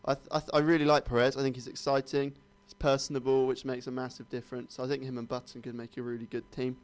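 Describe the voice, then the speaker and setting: A man's voice: mid-range voice, smooth. A young man co-hosting a sports radio show, chatting casually and hedging his opinions. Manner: quick, flat-toned, hedging opinions.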